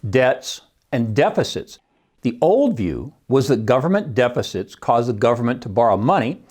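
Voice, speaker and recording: A man's voice: mid-range voice, a little mellow. A middle-aged man hosting a solo podcast, wry and scoffing, often laughing at his own points. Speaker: podcast host and economics teacher.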